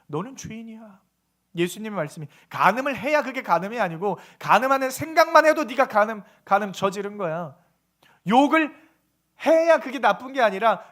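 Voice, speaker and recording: A man's voice: very high voice, fairly bright tone. A man pastor delivering a sermon, often questioning the congregation and acting out quoted voices. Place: church sanctuary.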